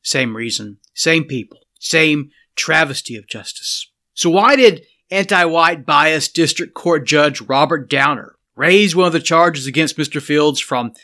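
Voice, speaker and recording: Male commentator, slightly high and sharp-toned, earnest scripted monologue spoken straight to the listener. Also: animated, a little slow, hardly any pauses. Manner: earnest, addresses listener directly. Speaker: political commentator.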